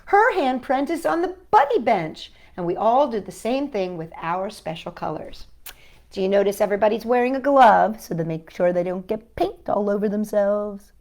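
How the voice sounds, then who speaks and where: A woman hosting a children's storytime reads a picture book aloud and gently chats with young viewers, asking them questions. Her medium-pitched voice is animated at a moderate pace.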